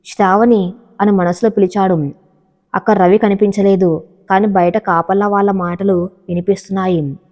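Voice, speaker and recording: A woman narrates a dramatic story in a steady, measured reading voice. Her tone is dark and mellow. The recording carries a long, hall-like reverb. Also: medium pitch. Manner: steady dramatic reading, voicing every character herself.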